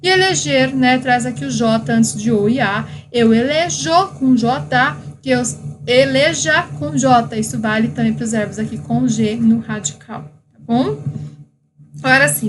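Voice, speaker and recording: A woman's voice: on the high side, poor audio. A woman teacher with a Brazilian Portuguese accent, reciting verb conjugations in a grammar lesson for exam students and checking in with "tá?" and "né?". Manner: recites verb tables, adds frequent "tá?" and "né?".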